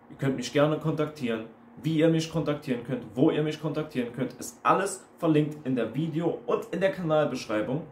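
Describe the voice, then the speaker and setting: A fairly high-pitched, darkish voice carries this online coach's blunt rant, full of emphatic repetition, in a casual monologue video. The room sounds spacious, with faint noise.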